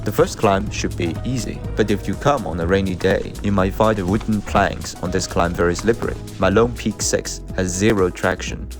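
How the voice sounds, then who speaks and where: A man narrates a trail running vlog as a scripted voice-over in a measured, matter-of-fact way. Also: deep voice. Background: music.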